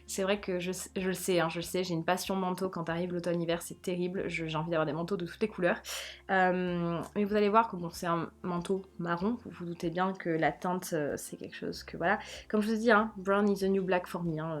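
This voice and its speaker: Vloggeuse bavarde au timbre un peu grave, ton de haul enthousiaste, répète ses mots. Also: female voice, fairly low pitch. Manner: chatty, gushing, repeats words for emphasis. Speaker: fashion vlogger. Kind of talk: casual haul video chat.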